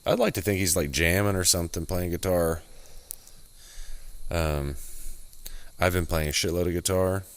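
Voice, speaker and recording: A man's voice: low-pitched, moderate pace, long pauses, smooth. A young man co-hosting a podcast in casual chat, loose and profane, rambling and restarting his sentences. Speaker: podcast co-host.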